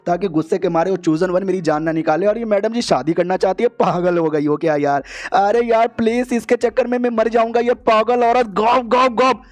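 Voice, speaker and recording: A jittery young man, whiny and exasperated, always on the edge of panic, as a man puts him on. The voice sits high and soft. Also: fairly quick, few pauses, lightly acted. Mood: panicky. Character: panicky young man desperate to escape marriage.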